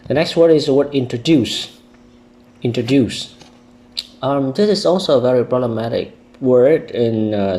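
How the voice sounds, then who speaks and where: Vietnamese-accented male teacher, mellow low voice. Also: a little hiss or hum. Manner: slow, repeats words for stress practice. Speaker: English teacher. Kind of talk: vocabulary lesson with pronunciation drills.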